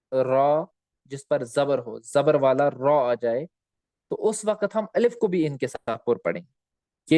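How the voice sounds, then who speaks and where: Guy teaching a recitation lesson, kinda high voice, dry close sound, quizzes himself and draws out the example words. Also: dark tone, no room sound. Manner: asks and answers his own questions, repeating key terms; stretches out example words slowly. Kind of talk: recorded lecture with slides.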